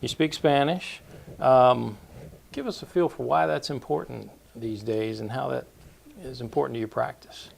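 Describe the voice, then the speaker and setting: A man's voice: medium pitch, moderate pace, vocal fry, husky. A man hosting a business show, asking questions in a conversational, prompting way. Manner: conversational, prompting with short acknowledgments. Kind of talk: interview questions. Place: TV studio.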